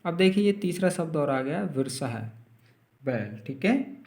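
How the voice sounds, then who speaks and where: A man teaching a school lesson, reading phrases aloud and explaining each word slowly and repeatedly for his students. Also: on the high side, lively intonation, darkish tone, roomy sound. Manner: slow, repeats words and meanings for students. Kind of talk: Sanskrit lesson, line-by-line translation.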